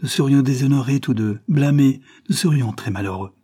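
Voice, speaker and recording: A grave, dutiful army captain speaking low and solemn, voiced by a male reader. His voice is mellow and husky, hushed and weighed down. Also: normal speed, natural voice.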